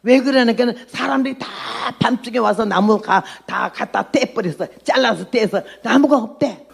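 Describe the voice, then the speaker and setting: A woman's voice: fairly high pitch, moderate pace, gravelly, breathy edge. An outspoken woman in her eighties preaching a testimony sermon as a missionary, blunt and emphatic. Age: 80s.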